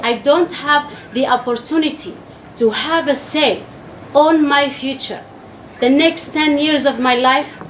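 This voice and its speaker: Earnest halting woman in an echoey room. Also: sits high. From Sahrawi refugee camps in Algeria. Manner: earnest, halting with frequent pauses. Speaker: activist. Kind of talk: public statement. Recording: echoey room with faint noise.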